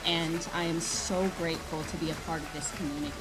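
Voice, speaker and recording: A woman's voice: low-pitched, fairly even intonation, fast, poor audio. A woman graduate giving heartfelt thanks to her school community. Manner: grateful, heartfelt.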